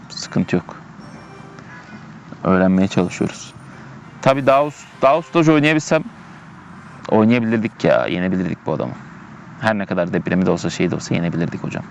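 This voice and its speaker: A man's voice: fairly low pitch, gravelly, muffled recording, a little hiss or hum. A man giving casual gameplay commentary, chatting and thinking aloud as he plays, often repeating himself, recorded outdoors in a park.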